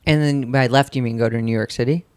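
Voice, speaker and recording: A man hosting a podcast, teasing his guest with quick jokes and playful questions. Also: medium pitch, steady tone, clear, resonant tone, no echo, studio quality. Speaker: podcast host. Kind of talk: casual comedic interview.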